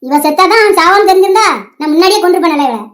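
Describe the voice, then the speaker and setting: A woman's voice: extremely high pitch, lively intonation, rapid-fire, slight background noise. A performer voicing a vengeful, scheming old village woman in a cartoon, speaking in a taunting, scolding way. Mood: scornful. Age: older. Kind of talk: animated cartoon voice acting.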